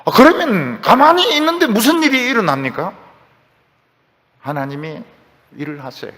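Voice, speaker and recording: High-voiced pastor preaching in a hall. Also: male voice, big pitch swings, normal speed, fairly bright tone. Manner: emphatic preaching with rhetorical questions; acts out quoted voices. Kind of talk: sermon. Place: church sanctuary.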